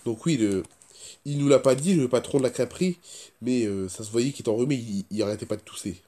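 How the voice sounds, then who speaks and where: Speaking quickly in a warm, mid-range voice that is stuffed up from a cold and sore throat, a man vlogs casually about himself, wandering off topic and repeating things.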